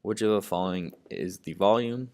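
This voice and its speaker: A man with a low, deep voice tutors math, working problems out loud step by step. He leans on "okay" as a constant verbal tic. The sound is close and dry, with no room around it. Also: moderate pace, dry recording. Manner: says "okay" constantly, thinks aloud step by step. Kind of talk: lesson narration while writing.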